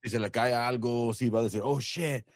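A man joining as a guest on a casual podcast chat, talking in halting, restarted sentences about his kids. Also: mid-range voice, level tone, no room sound.

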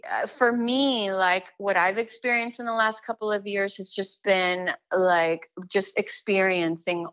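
A woman with a mid-range voice speaks a little slowly, her intonation fairly even and her tone a bit bright, though the highs are cut off. She is a musician, singer-songwriter and teaching artist from Chile and the United States. Her interview answers are earnest, emphatic and conversational, and she often repeats her phrases.

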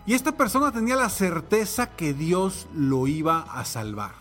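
A man's voice: sits high, lively intonation, moderate pace, fairly bright tone, faint music behind. A man giving a reflective motivational talk, telling a personal anecdote and a parable and asking the listener rhetorical questions. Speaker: motivational speaker.

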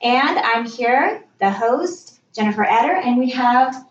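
Female podcast host, higher register, chatty interviewing, roomy distant sound. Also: animated, measured pace. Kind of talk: conversational interview hosting. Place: indoors at a med spa. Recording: echoey room, distant dull mic, faint noise.

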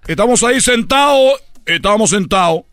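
A man's voice: sits high, a little slow, soft background music. A man voicing a boastful baseball player, spinning a comic tall tale on a radio sketch. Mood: storytelling. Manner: animated, slips in "chico", laughs at own stories. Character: boastful chatty male baseball player telling tall tales. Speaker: comedy character on radio show.

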